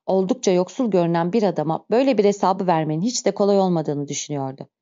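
Woman, audiobook narration, steady measured pace, mellow dark tone, dull lo-fi recording. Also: lowish voice.

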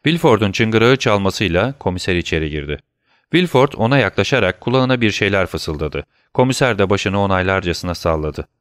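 A man narrating a classic novel as an audiobook, in a measured, literary storytelling manner. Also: sits low, animated, clear, resonant tone, dry recording, clean studio sound. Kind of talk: scripted narration.

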